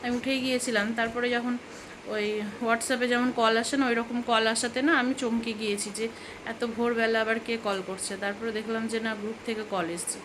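A woman in her thirties from Bengal, chatting casually and rambling in a home vlog, now and then soothing a toddler. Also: on the high side. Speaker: vlogger. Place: home room with fans running. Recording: noisy home phone recording.

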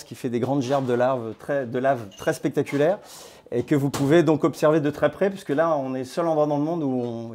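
A man giving an informal presentation to a meetup group, talking in a conversational, halting way with many hesitations and restarts. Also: mid-range voice, mellow. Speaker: crypto platform founder giving a talk. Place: based in Nouméa.

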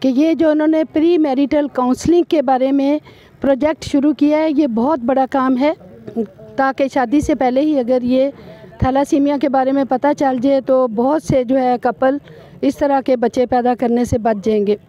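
A woman doctor speaks briskly in a high voice. The audio is slightly dull, from a handheld mic outdoors at a cricket ground. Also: fairly even intonation, dark tone. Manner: brisk, recites verse. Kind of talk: on-the-spot interview. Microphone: handheld reporter mic.

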